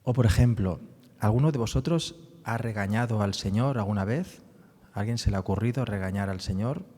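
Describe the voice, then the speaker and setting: Low mellow man in a reverberant church. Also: brisk. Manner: explanatory, frequent tag questions. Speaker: speaker presenting a book on the psalms. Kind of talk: public talk on scripture.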